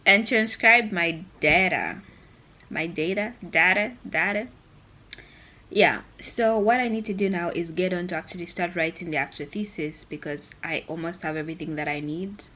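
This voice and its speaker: A young Zambian woman with a fairly low, sharp-toned voice talks at normal speed straight to camera in vlog style. Her chat is casual and rambling, often circling back on itself.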